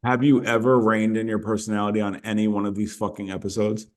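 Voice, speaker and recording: A man's voice: fairly low pitch, level tone, fast talker. A young man co-hosting a podcast outdoors, teasing his friend and swearing casually in a wry chat. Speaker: podcast co-host.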